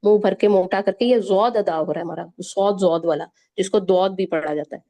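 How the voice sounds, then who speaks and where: In an online lesson, a woman with a Pakistani Urdu accent teaches Quran recitation, patiently drilling each letter sound slowly and repeating it. Her voice is mid-range with a dark tone.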